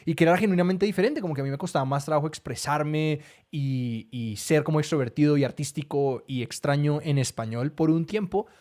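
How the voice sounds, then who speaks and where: A man's voice: on the high side, a little fast, hardly any pauses, darkish tone. A man hosting a podcast in a casual conversation, reflective and a little hesitant, with dry humor. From Colombia. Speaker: podcast host.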